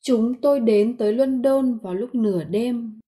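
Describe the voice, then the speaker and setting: Woman voicing phrase translations, even read, husky and warm. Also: a little high, normal speed. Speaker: Vietnamese translation reader. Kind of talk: scripted translation reading.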